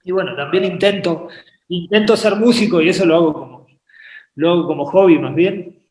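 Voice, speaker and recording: Speaking from an echoey home painting studio on a video call, a Uruguayan-born man who grew up in Argentina talks through his painting career in a laid-back interview. He has a high-pitched, darkish voice and frequently stops and repeats words as he gathers his thoughts.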